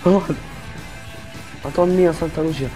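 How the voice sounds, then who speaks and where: A young male fellow player chatting casually during a game, excitable and joking. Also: a little high, measured pace, faint music behind. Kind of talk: casual gameplay chat.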